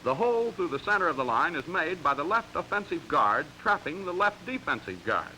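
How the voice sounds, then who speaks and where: An American man narrates a scripted 1940s sports training film, crisp and emphatic like an instructor, in a fairly high, very animated, brisk voice that sounds pushed and bright. The vintage soundtrack is poor, with some hiss or hum.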